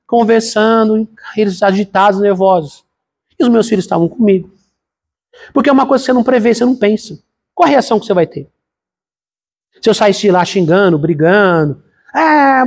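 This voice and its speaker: Husky high-voiced Brazilian pastor preaching. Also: male voice, darkish tone. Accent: Brazilian Portuguese. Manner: conversational, addresses congregation as brothers. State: congested from a cold. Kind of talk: sermon with personal story.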